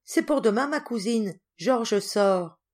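A shy, earnest little girl speaks in a raised, bright voice, as a woman reader puts her on. She sounds eager and quick to plead. It is a storybook reading. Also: a little high, animated, voice pushed up.

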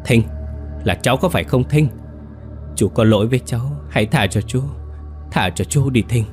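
A man's voice: medium pitch, moderate pace, soft background music, lightly acted. A man voicing a guilty, terrified older village man who pleads and stammers, in a told ghost story. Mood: pleading.

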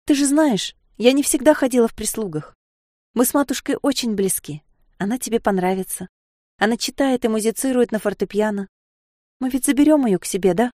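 A high, breathless young maid of sixteen, naive and dreamy, who slips easily into tears, as a woman reader puts her on. Her pleading chatter lifts well above the narrator's own voice, recorded dry and close. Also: lively intonation, normal speed, mellow, no echo, natural voice.

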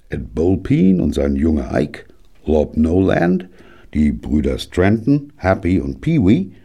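A male audiobook narrator with an extremely low, gravelly voice and a husky edge. His reading has a wry, lively rise and fall.

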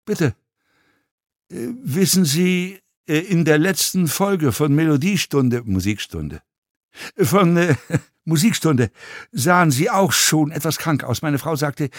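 A man's voice: on the high side, no echo. Man voicing pushy mocking male passenger, needling, slightly raised voice, dry recording. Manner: needling, sneering, chatty. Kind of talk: audiobook reading.

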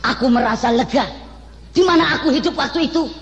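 A man's voice: extremely high pitch, brisk, gravelly, lo-fi sound. In a long, echoing hall, a sentimental young husband in a comic stage drama. He declaims like a hammy stage actor, earnest and flowery, with a Javanese accent. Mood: grandiloquent wooing. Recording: echoey hall, long reverb.

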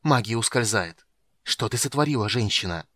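A man's voice: lowish voice, animated, moderate pace, fairly bright tone, dry recording, studio quality. A man voicing a sickly, bitter young male mage who hisses and snaps in anger. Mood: furious. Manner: hissing, harsh, coughing.

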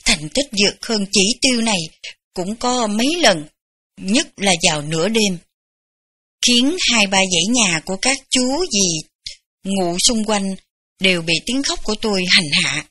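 Female audiobook reader, bright tone, gentle unhurried memoir narration. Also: mid-range voice, expressive, husky. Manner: gentle, unhurried storytelling with light laughs. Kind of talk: memoir read aloud.

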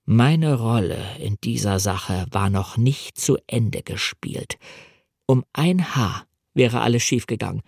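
A man narrating an adventure novel in a measured, dramatic reading. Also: medium pitch, expressive, gravelly, a little mellow, slightly rough, no echo, clean studio sound. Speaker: reader. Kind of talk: audiobook narration.

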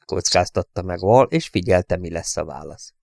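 Man, audiobook narrator, low gravelly voice, calm even reading, dry close recording. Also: no echo. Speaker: audiobook reader.

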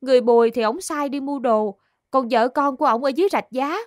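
A woman's voice: high-pitched, a little fast, dry recording, clean studio sound, lightly acted. A woman playing a polite young woman who is accused of murder and answers an official deferentially. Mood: pleading. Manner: deferential, pleading.

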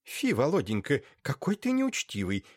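A man's voice: medium pitch, huge pitch swings, normal speed, no echo, clean studio sound, voice pushed up. A man voicing a fussy older aunt who hosts guests and orders the servants about. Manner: fussy, bossy toward servants. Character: aging female aunt, fussy hostess.

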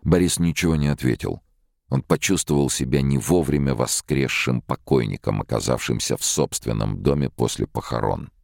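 A man reading a novel aloud in an expressive, measured narration into a studio microphone. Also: extremely low pitch, creaky, no echo. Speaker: audiobook narrator. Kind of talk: scripted literary narration.

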